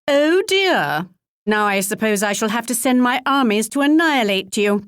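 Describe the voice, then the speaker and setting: Regal English queen, British accent, pompous, wry, formal game character, very lively pitch, dry studio sound. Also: no echo. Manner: pompous, formal, archly polite. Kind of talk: theatrical video game character voice lines.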